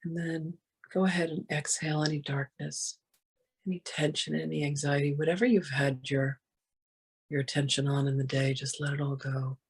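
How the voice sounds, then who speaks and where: Soft and breathy, the voice guiding this meditation holds an even, narrow pitch. Its delivery is gentle and soothing, with unhurried phrases separated by long pauses.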